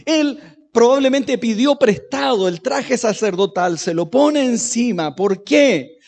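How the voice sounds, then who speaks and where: A man's voice: extremely high pitch, animated, slow. A man preaching a sermon as pastor, chatty, often turning questions to the congregation. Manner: conversational, asks the congregation questions, varies loudness. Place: church. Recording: echoey church hall.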